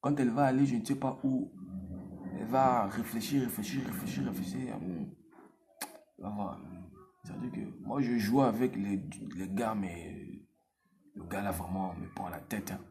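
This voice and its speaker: With a somewhat low voice at a moderate pace, a man addresses the viewer directly with casual dating advice, animated, repeating points and using street slang. There's slight background noise.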